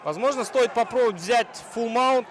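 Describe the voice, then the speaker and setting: A man commentating live on an MMA bout like a wrestling commentator, moving between analysis and excitable calls. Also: extremely high pitch, moderate pace. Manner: analytical play-by-play. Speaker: fight commentator. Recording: loud crowd and arena noise behind. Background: arena crowd.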